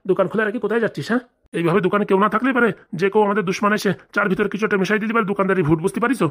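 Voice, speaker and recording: A woman's voice: medium pitch, very fast. A woman voicing characters in a comedy cartoon, chatty and scolding. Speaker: cartoon voice actor. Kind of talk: cartoon voice acting.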